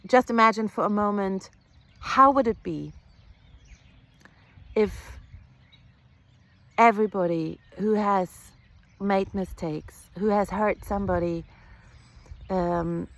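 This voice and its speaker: A woman healer giving an earnest, reflective spiritual talk, repeating phrases and pausing softly. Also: medium pitch. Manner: slow, earnest, with soft pauses and repetitions.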